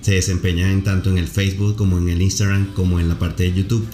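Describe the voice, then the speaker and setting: This podcast host speaks quickly in a low, dark voice with flat delivery, yet his long-winded talk is effusive as he interviews a guest and clarifies marketing terms for listeners. The room is echoey, with faint music behind him.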